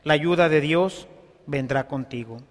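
Male preacher, high voice, chatty sermon, big hall reverb. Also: a little slow. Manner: conversational, asks the congregation for agreement. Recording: long reverb of a large hall.

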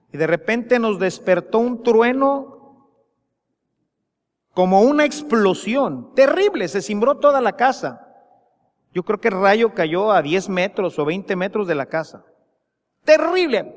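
A Mexican man preaches with a high, ringing voice, taking each phrase slowly and with weight. His pleas swell with feeling, and his words hang in a long church reverb. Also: animated. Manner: slow and emphatic, rising to impassioned pleas. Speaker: priest. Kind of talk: sermon.

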